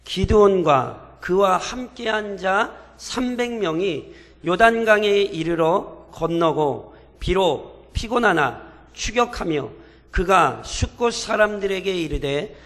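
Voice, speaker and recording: A man preaching a sermon as pastor, animated and full of rhetorical questions to the congregation, in a church with long reverb. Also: high-pitched, slow pace.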